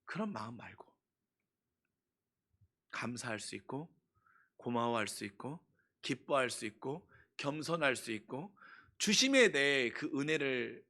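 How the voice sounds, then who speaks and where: A male pastor preaching a sermon earnestly, stressing points with slow, repeated phrases. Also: medium pitch, lively intonation, vocal fry, pushed and bright.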